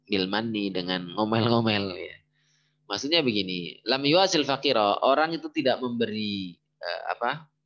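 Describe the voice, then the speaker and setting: Guy with a lowish voice explaining grammar, keeps stopping to hunt for words, kinda muffled lo-fi audio. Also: fairly bright tone. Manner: thinks aloud, searching for words. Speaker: Arabic grammar teacher. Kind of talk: casual explanatory lesson. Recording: dull lo-fi recording.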